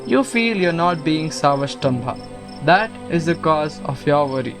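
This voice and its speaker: In a scripted audio drama, a student actor voices a calm, kindly male guru counselling a troubled student, his delivery gentle, measured and instructive. His voice sits a little high and sounds animated, with a reassuring, teaching mood. Music plays beneath him throughout.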